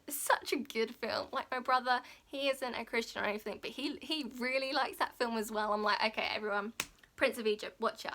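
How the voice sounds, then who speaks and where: A woman's voice: on the high side, sharp tone. A young woman talking in a casual devotional vlog, earnest and a bit giggly, repeating Bible verses.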